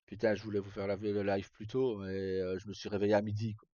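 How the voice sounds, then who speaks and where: This streamer's voice is low-leaning and mellow, his tone level and his pace fast as he chats informally with viewers. He speaks in brief, cut-off, foul-mouthed bits of slang, recorded with a dull, roomy quality and faint game music in the background.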